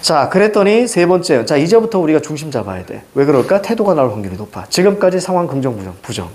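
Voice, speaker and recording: A middle-aged man teaching Korean literature for exams, lecturing in a lively way and firing quick questions at his students. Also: on the high side. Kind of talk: exam-prep lecture.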